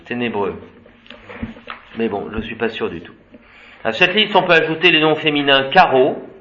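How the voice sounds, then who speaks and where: A man's voice: mid-range voice, lively intonation, moderate pace, pushed and bright, a little hiss or hum. A man teaching a Latin class, reciting declensions methodically and adding short asides. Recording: dull, roomy classroom recording.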